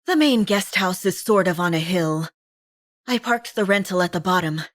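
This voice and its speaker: Earnest caring older sister, a woman reading her, measured, slow and steady, low voice. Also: dry recording, lightly acted.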